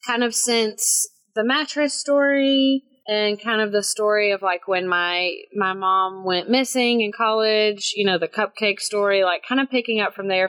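A woman's voice: mid-range voice, fairly bright tone, smooth, no room sound. A young adult woman co-hosting a casual chat in a rambling, self-deprecating way, swearing freely. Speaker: podcast co-host.

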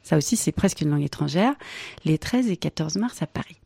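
A woman's voice: sits low, expressive, a little fast, gravelly, warm tone, slightly rough, dry recording, clean studio sound. A woman presenting a radio press review, reading articles and adding wry asides. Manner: wry asides, light laughs.

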